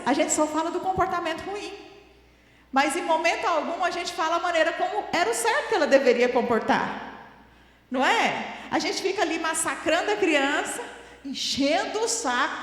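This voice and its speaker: High-voiced woman in an echoey hall. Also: fairly bright tone. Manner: chatty, laughing, tells home stories. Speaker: parenting talk speaker.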